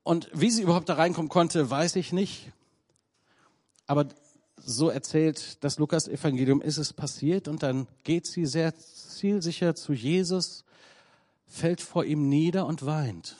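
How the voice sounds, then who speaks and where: A man preaching a sermon in German, telling a story with a conversational touch, lively at times and hushed at others. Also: fairly high pitch, unhurried.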